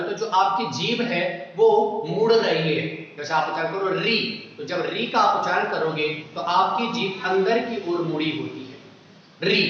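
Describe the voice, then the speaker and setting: A patient male teacher walks through an exam-prep grammar lesson in a fairly high voice. He sounds set back from the mic in a very echoey room, and the sound is dull. He checks in often to make sure the class is keeping up. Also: a bit bright, far from the mic. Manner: patient, explanatory, often says "ठीक है".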